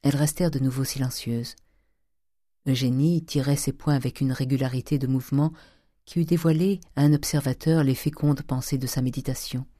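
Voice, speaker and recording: A measured audiobook narrator reading literary prose with expressive care. The voice is dark and mellow, recorded close and dry with no room around it. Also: medium pitch, no echo.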